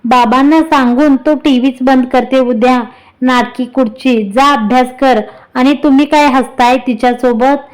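A woman's voice: sits high, steady tone, measured pace. A woman voicing an emotional, easily flustered young bride in a read-aloud story. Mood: scolding. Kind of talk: storybook reading.

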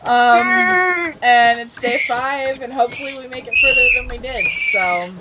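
A woman's voice: sits high, a little slow, a loud crowd. A young woman hosting a let's play, chatting casually, giggling often and swearing freely. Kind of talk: casual gaming chat.

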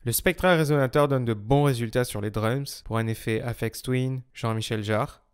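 A man's voice: medium pitch, moderate pace. A man narrating a music production tutorial in a scripted style.

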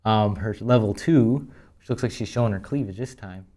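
A young man in casual, slangy chat while opening trading cards, halting as he reads out names. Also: fairly low pitch, mellow. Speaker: card box opening host. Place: indoors at a tabletop.

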